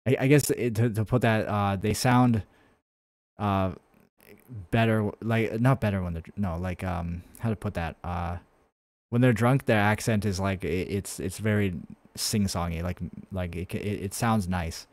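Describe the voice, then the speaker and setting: Unhurried and on the low side, this man's voice comes through with no room sound. He's streaming game development, rambling casually with many fillers and restarts as he answers chat between coding steps.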